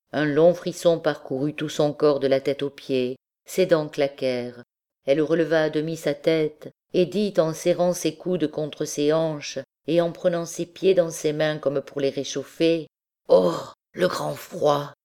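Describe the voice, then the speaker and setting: A woman reading a classic novel aloud as an audiobook narrator, calm and measured. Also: low-pitched. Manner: slow, calm literary reading. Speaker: audiobook reader. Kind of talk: scripted narration.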